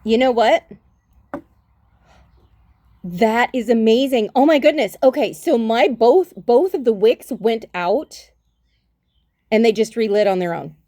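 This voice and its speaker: Slow-talking chatty woman, higher voice. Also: animated, dark tone, no echo. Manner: chatty, affectionate, rambling. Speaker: tarot reader. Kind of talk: casual livestream chat. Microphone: phone.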